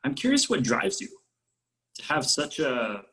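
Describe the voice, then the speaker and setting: A man's voice: on the high side, wildly swooping pitch, measured pace, pushed and bright. A man asking casual interview questions in a curious, tentative way.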